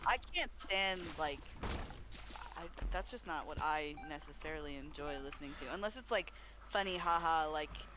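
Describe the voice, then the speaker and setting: A friend keeping a streamer company, chatting in a relaxed, rambling way with lots of "like". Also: mid-range voice, normal speed, slight background noise, rough recording. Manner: relaxed, rambling, many likes. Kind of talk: casual chat.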